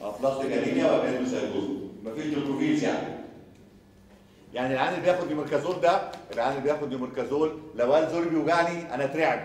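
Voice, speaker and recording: A man's voice: mid-range voice, darkish tone, recorded from a distance, slight background noise. Male surgery lecturer, Egyptian accent, repeats points and quizzes the class, very echoey hall. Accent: Egyptian Arabic. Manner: rapid, repetitive, quizzes students with rhetorical questions. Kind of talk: recorded lecture.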